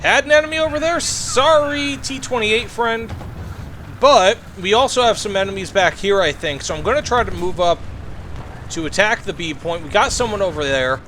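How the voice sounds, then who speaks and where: A high, bright-voiced man narrates his own tank battle, his voice jumping around as he reacts. He talks casually to viewers, hands out tips and fills the gaps with lots of uhs. Faint background noise sits under his voice. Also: normal speed. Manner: excited, chatty, lots of fillers. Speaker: gaming commentator. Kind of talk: gameplay commentary with tips.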